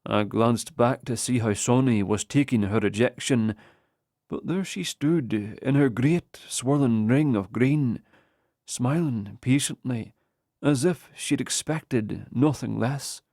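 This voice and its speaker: Slow, measured male audiobook narrator. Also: medium pitch, darkish tone, dry recording, clean studio sound. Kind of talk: first-person audiobook narration.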